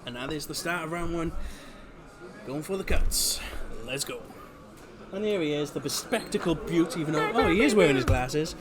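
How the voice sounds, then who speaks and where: A man's voice: a little high, lively intonation, normal speed. Man commentating over crowd chatter. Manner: chatty, joking banter. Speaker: tournament commentator. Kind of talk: casual live stream commentary. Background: crowd of players chatting.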